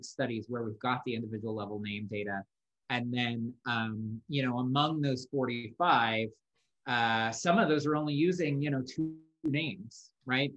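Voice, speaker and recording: A man in his thirties answers questions on an online academic panel from his home office. He talks in a measured, hedging way, often pausing to rethink his words. His pitch sits in a middle range for a man. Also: fairly bright tone, lo-fi sound. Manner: measured, hedging with many fillers and restarts. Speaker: panelist, sociologist.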